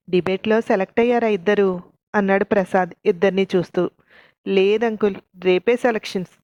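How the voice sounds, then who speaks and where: A woman's voice: medium pitch, darkish tone, dry recording, lo-fi sound. A woman narrating a family love story from a script, reading every character's lines herself with small shifts of voice. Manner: reads all the parts herself, with light shifts for quoted lines.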